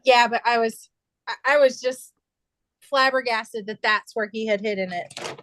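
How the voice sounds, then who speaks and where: A woman's voice: a little high, steady tone, a little slow, a bit bright, no echo, low-quality recording. Chatty middle-aged woman, dry sound. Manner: rambling storyteller, many fillers and restarts. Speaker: quilter sharing her sewing. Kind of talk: casual chat.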